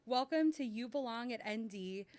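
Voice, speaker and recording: A woman's voice: fairly high pitch, expressive, normal speed, a little mellow. A woman who works in university admissions, moderating a student panel in an upbeat, welcoming way.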